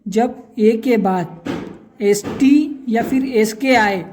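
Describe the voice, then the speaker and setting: A woman's voice: fairly high pitch, a little mellow, slight background noise. A woman teaching a spoken English lesson, asking questions and answering them herself and spelling out example words letter by letter.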